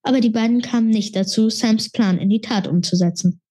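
A woman reading a children's fantasy novel aloud in a steady, expressive storytelling manner. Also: a little high, fairly quick, breathy edge. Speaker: reader.

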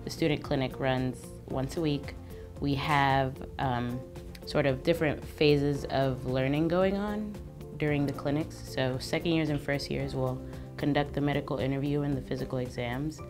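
A woman's voice: extremely low pitch, steady tone, normal speed. A young woman from New York City, a medical student, speaking casually and with enthusiasm in a studio interview. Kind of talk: interview testimonial. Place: studio with gray backdrop. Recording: background music clearly heard.

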